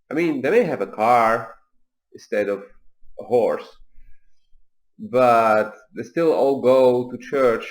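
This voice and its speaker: A man in his forties, raised in Tunisia, hosting a video and telling personal stories in a calm, measured way with pauses and fillers. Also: on the low side. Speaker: video host. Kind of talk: personal reflective talk.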